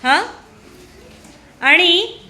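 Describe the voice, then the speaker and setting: A woman's voice: very high voice, expressive, drawn-out words, sharp tone. A woman questioning a class of schoolchildren in a school room, prodding them with repeated, coaxing questions.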